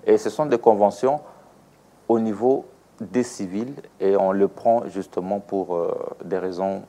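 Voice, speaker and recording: Here a man with a fairly low, dark voice talks unhurriedly, his intonation fairly even. With a Congolese French accent, this aviation expert from the Democratic Republic of the Congo explains things patiently in an interview, using examples and asking rhetorical questions.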